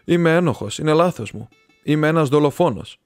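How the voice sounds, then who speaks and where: A man's voice: a little high, expressive, no room sound, faint music behind, pitched above the performer's own voice, close to an everyday voice. A man playing a choked, desperate young laborer. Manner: choked, blurting. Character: young male laborer, pale, desperate, confessing.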